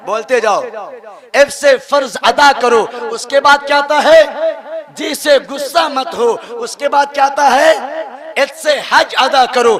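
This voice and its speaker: A man with a very high voice delivers a sermon to a gathered audience. He speaks at a slow, drawn-out pace and keeps asking the listeners questions, then rises into shouted emphasis. The murmur of a live crowd sits clearly behind him. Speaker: preacher.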